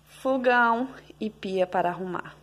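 A young woman with a Brazilian Portuguese accent, a mother chatting casually and softly in a home vlog. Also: mid-range voice, measured pace. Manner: soft, chatty, fond of diminutives. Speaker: mother vlogger. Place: home, in the kitchen.

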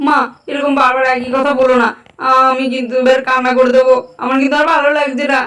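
A woman's voice: high-pitched, little pitch movement, quick pace, a bit bright, echoey room, far from the mic. A woman voicing an exasperated, caring daughter-in-law in a cartoon, pleading and scolding in a homely tone.

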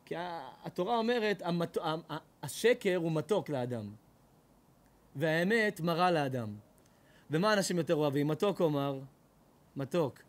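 A man, a rabbi, giving a lively sermon, animated and swinging between loud outbursts and low mocking tones. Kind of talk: lively sermon with acted quotes.

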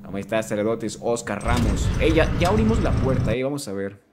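A man from Colombia with a Mexican-sounding Spanish accent, commentating a live game stream and greeting his chat, prone to sudden excited shouts. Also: medium pitch, brisk, heavy background noise. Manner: excitable, bursts into shouts at scares. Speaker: gaming streamer.

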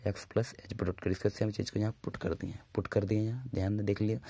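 Standing at a whiteboard during a maths lesson, a man dictates formulas in a slow, drawn-out way and makes brisk asides to his students. His voice is low-ish and dark, with vocal fry, and there's no echo.

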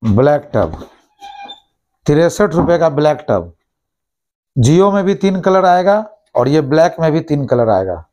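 A man in his thirties, a shop owner, listing plastic goods and their prices and repeating each price briskly, recorded indoors on a lapel mic in a small shop office. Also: on the high side, very animated, dark tone. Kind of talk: product price rundown.

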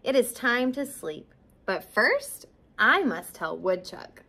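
A slow, plodding storybook turtle mutters in a lowered voice, as a woman reads his part. The pace is unhurried, with some lively rises. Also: full character voice. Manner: low muttering. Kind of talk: storybook read-aloud.

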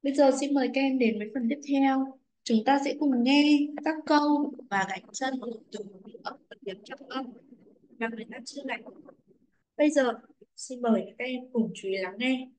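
A woman English teacher explaining a lesson to pupils in a clear, patient instructional tone. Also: high-pitched, moderate pace, darkish tone, a little hiss or hum, poor audio.

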